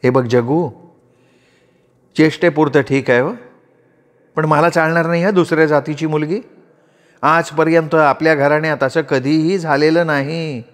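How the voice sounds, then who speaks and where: A man's voice: very high-pitched, steady tone, brisk, fairly bright tone, pitched above the performer's own voice. A man voicing a serious, traditional mother of a household, in an audiobook story. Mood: stern. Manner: serious, firm. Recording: roomy reverb.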